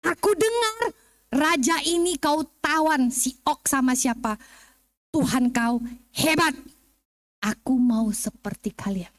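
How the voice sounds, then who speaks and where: A woman voicing a shrewd brothel madam in a retold Bible story, speaking slowly and in hushed marvel. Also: high-pitched, expressive. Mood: awed.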